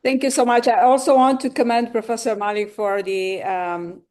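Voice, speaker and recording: A woman panel speaker giving formal, explanatory remarks in a measured way. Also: a little high, flat delivery, darkish tone.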